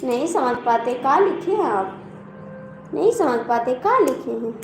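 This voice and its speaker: A woman's voice: high voice, lively intonation, moderate pace, a little mellow. A woman with an Awadhi accent hosting a casual live stream, chatting with viewers, teasing them and reading out their comments. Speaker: live-stream host and folk singer. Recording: echoey room with faint background noise.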